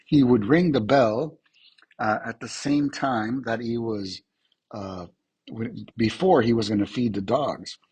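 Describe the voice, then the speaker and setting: A male teacher giving a casual lecture to his students, his voice husky as he is losing it, often asking "right?" to check that they follow. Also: fairly low pitch, no echo, rough recording. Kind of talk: classroom lecture.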